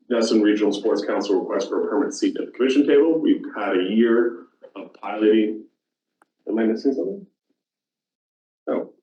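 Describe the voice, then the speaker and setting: A man's voice: mid-range voice, dark tone. A man chairing a public commission meeting, talking informally and correcting himself as he goes. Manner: informal, halting, self-correcting. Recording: roomy, distant, dull council room audio.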